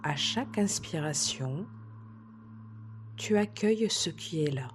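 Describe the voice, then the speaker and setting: A woman sophrologist leading a guided relaxation session, speaking softly and soothingly, sometimes dropping to a whisper. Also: low-pitched, expressive, a little hiss or hum. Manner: soft, slow, soothing guidance, drops to a whisper at times. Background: soft background music.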